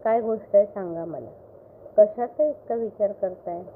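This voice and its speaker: A woman voicing an anxious, curious young village wife who keeps pleading and getting excited. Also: medium pitch, normal speed, lightly acted. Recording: phone-like line with faint hiss.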